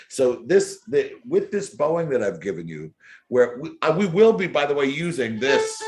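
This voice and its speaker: Earnest man coaching violin. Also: fairly low pitch. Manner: earnest, emphatic, repeats key words. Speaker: violin teacher. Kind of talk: masterclass coaching. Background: faint violin playing.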